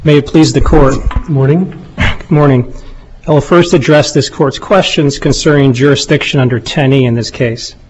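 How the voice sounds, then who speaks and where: A man making a formal legal argument in a courtroom, speaking deliberately and deferentially as an appellate lawyer. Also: medium pitch, fairly even intonation, a little mellow, faint music behind. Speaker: lawyer arguing an appeal. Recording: dull, muffled courtroom recording.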